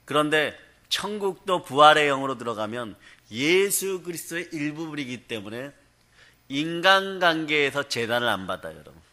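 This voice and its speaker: A man's voice: fairly high pitch, very animated, moderate pace, bright, forceful tone. A male pastor preaching a revival sermon, telling stories and often prompting the congregation for a response. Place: prayer hall.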